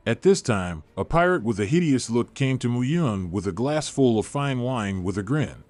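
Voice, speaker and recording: A man reading a story aloud in an even, steady narration, with dialogue read in much the same flat voice. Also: mid-range voice, moderate pace, no echo. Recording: faint music behind.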